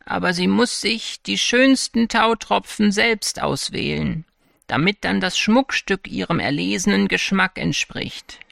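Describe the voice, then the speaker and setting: A man's voice: sits high, lively intonation, unhurried, vocal fry, pushed and bright, dry recording, studio quality, pitched above the performer's own voice, heavily acted. A man voicing a mysterious old man in a fairy tale with a trembling voice. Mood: solemn. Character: mysterious old man, gentle then stern.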